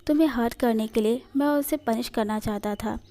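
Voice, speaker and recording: Brief: a woman reading a blunt, sheepish young boyfriend, a bit high, soft-toned. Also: brisk, close to an everyday voice. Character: young man, prickly but shy boyfriend.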